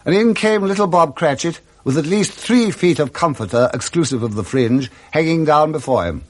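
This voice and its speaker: On the high side, a British-accented man narrates a literary story for radio drama. His phrasing is expressive, measured, and dramatic.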